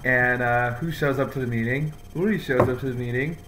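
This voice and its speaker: A man's voice: medium pitch, brisk, background noise. A man from Queens, chatting casually as a podcast guest in short, laid-back replies. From Queens, New York. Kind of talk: casual chat.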